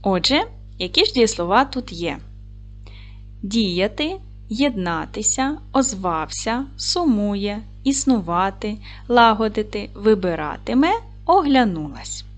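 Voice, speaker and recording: Lively-voiced woman teaching young children. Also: mid-range voice, soft background music. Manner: clear, slow, encouraging classroom delivery. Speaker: primary school teacher. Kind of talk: video lesson for young children.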